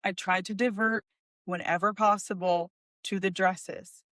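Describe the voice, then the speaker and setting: A young woman podcast co-host, chatting casually and telling a long story in an animated way, with many "like"s. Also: medium pitch, unhurried, dry recording, studio quality. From United States. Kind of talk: casual chat.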